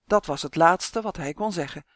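Steady, clear children's storybook narrator; mid-pitched, dry studio sound. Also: normal speed, no echo. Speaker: audiobook narrator.

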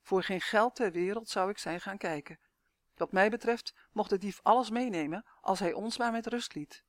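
A narrator reading a first-person travel story in a calm, measured storytelling manner. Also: medium pitch, dry recording, clean studio sound.

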